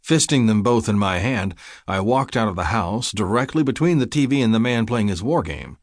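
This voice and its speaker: A man reading a gritty first-person story aloud in a steady, plain-spoken way. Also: on the low side, moderate pace, no room sound, clean studio sound. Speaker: audiobook narrator. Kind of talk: scripted first-person narration.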